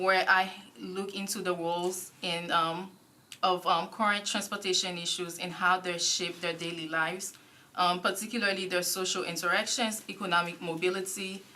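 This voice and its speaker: A young woman from Haiti answering interview questions as a board nominee, measured and full of small pauses. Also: lowish voice, bright, forceful tone, slight background noise, low-quality recording. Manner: measured, frequent ums. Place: council committee room.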